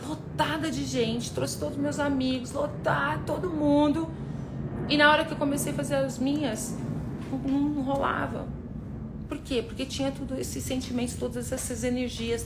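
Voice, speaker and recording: A woman's voice: high-pitched, background noise. Emphatic woman hosting a live. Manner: emphatic, repeats words, addresses viewers directly. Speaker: live-stream host, personal development facilitator. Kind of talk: casual motivational live stream.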